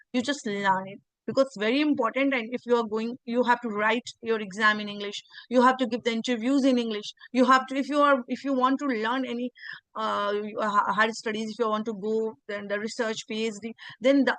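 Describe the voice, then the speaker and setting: On a low-quality, dry recording, a woman speaks in a slightly high, fairly bright voice. A native Hindi speaker with an Indian accent, she's an English teacher and channel host who talks earnestly in a video interview, often repeating words and restarting.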